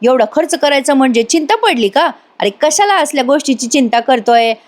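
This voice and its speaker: A woman's voice: sits high, animated, a little fast, voice pushed up. A woman voicing a spiteful middle-aged aunt who taunts and curses the family. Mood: taunting. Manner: taunting, scolding in village Marathi.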